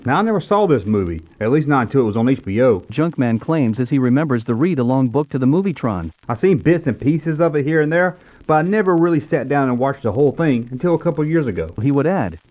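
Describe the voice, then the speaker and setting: This fast-talking American man in his fifties, a YouTube show host, has an expressive mid-range voice. He narrates with nostalgia in a scripted storybook fashion, heard through tinny, narrow-band audio that sounds like a phone.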